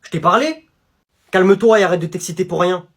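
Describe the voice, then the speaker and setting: Brief: hot-headed teen bully, done by a young man, slangy and threatening, husky. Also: high voice, fairly quick, voice pushed down. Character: aggressive teenage schoolboy picking a fight.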